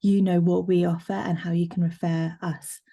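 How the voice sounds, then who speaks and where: Woman, sign language interpreter, live interpretation voice-over, first-person, lowish voice, mellow, fillers and restarts, video call. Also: level tone, moderate pace. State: voicing a signed presentation as a live interpretation voice-over. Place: online video meeting.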